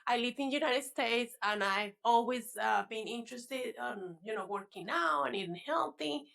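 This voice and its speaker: In a casual interview, a Venezuelan woman, a native Spanish speaker with a Venezuelan Spanish accent, chats as a guest about her fitness coaching. Her voice is on the high side, gravelly and fairly bright, at a moderate pace. She laughs often and restarts words as she talks.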